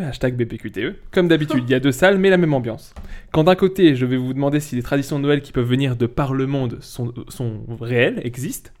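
A man hosting a casual podcast chat in French, playful and quick to laugh. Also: mid-range voice, a little mellow. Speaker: podcast host.

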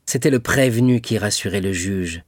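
A man narrating a classic novel as an audiobook reader, in a measured, literary delivery. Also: on the low side, no echo, clean studio sound. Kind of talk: scripted narration.

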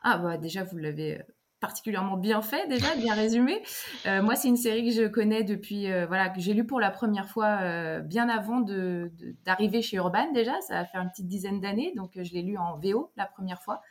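A woman, a book editor, speaking as a guest in a podcast interview and pausing often to search for words. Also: medium pitch. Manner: hesitant, full of fillers and restarts.

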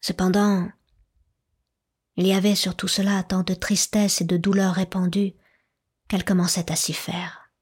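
A woman reads a classic novel aloud in a soft, measured voice that drifts into whispers. Her tone is very breathy and husky. She keeps a flat, even delivery with little rise and fall. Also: lowish voice. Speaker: audiobook narrator. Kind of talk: literary audiobook narration.

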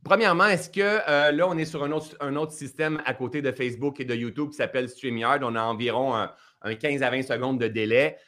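A man's voice: medium pitch, fairly even intonation, a little fast, fairly bright tone. A man with a Québécois accent hosting a live-streamed interview, chatty and teasing, talking over a video call. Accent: Québécois French. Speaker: host.

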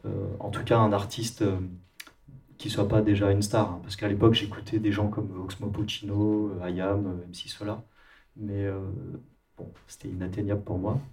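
Soft-spoken French musician, hesitant. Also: male voice, lowish voice, little pitch movement, normal speed, recorded from a distance. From France. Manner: hesitant, many filler sounds and restarts. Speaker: interviewed musician and producer. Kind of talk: relaxed conversational interview.

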